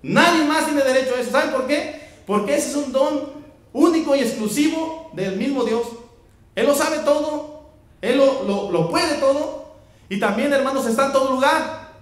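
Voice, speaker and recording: High-voiced preacher in an echoey church. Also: male voice, normal speed. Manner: conversational, addresses congregation as brothers. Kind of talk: sermon.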